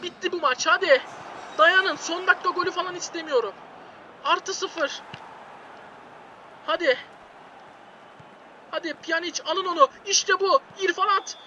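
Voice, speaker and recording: A man giving excited, shouty commentary over his own football video game play, repeating players' names and groaning at mistakes, his voice going hoarse. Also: extremely high pitch, measured pace, pauses often, highs cut off, a little hiss or hum. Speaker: gaming YouTuber. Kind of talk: live gameplay commentary.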